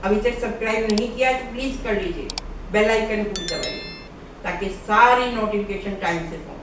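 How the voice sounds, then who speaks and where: A woman's voice: medium pitch, fairly quick, noisy background. A woman yoga instructor patiently guiding viewers step by step through breathing exercises. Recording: very echoey room, far from mic.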